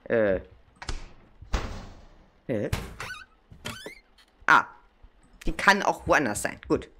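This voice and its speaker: A woman's voice: extremely low pitch, big pitch swings, drawn-out words, pushed and bright, slight background noise. A woman with a German accent giving casual commentary on a horror game, chatting and scolding the baby in it. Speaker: let's play gamer.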